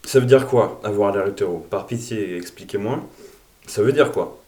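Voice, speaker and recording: A young man in his twenties answering viewer questions in a casual vlog, crude and self-mocking, breaking into mock-angry shouts. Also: fairly low pitch, moderate pace. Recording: roomy sound from a distant mic with music. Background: background music.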